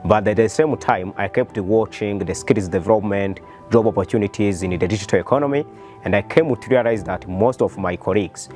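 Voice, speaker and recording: A startup founder and CEO with a Rwandan accent explains his business in an earnest, interview-style manner. His voice is lowish and a little mellow.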